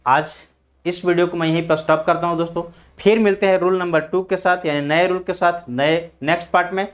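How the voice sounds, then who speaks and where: Man teaching pronunciation, slightly high voice. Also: fairly even intonation. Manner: spells words letter by letter and drills them slowly; asks the class questions and answers them himself. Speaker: English teacher. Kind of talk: classroom pronunciation lesson.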